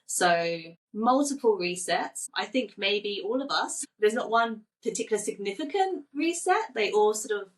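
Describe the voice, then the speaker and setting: A woman's voice: mid-range voice, lively intonation, moderate pace, recorded from a distance, low-quality recording. A woman in her forties, from Thailand, talking casually as a guest on a podcast and telling stories with light laughs. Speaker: children's book author.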